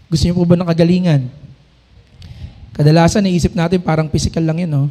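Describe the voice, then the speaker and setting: A middle-aged male pastor preaching a sermon, often calling out to the congregation and reading scripture slowly and loudly. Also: fairly high pitch, steady tone. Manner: preaching with frequent call-and-response to the congregation.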